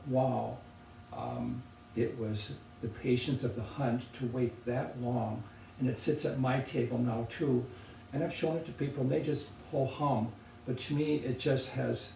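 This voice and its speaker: Older male potter, thoughtful and unhurried; gravelly, captured from across a roomy space. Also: medium pitch, mellow. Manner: thoughtful, unhurried, with pauses and restarts. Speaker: potter presenting objects. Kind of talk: relaxed reflective conversation. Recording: roomy, distant from the mic, faint noise.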